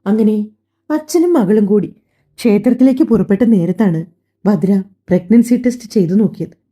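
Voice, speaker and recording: A woman narrating a family drama audiobook in a calm, steady storytelling manner. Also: mid-range voice. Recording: dull lo-fi recording.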